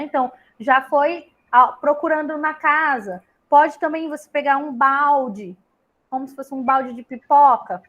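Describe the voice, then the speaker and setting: A woman's voice: high voice, dull audio. A woman, a tutor talking parents through teaching activities in a chatty way, giving examples and checking in with tag questions. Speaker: literacy tutor leading a parent meeting. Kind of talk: online group session, casual explanation.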